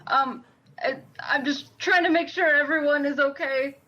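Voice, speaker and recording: Bright high-voiced woman player. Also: steady tone, highs cut off. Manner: giggly, caring, talks fast in bursts.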